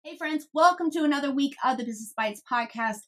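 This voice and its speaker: A woman in her thirties from the United States hosts a business podcast in a bright, forceful voice that sits a little high. She talks in a chatty, upbeat way and laughs easily with her guest. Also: fast talker. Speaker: podcast host. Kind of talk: casual podcast chat.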